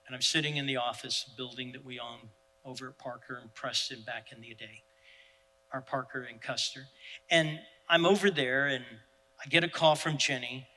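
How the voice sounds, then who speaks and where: A male pastor, preaching in an animated, self-deprecating storytelling style. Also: medium pitch, long reverb tail, poor audio. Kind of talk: sermon storytelling.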